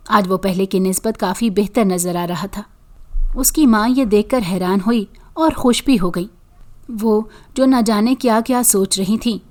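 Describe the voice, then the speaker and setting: A woman narrating a horror story in a measured, scripted reading. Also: medium pitch, a little mellow.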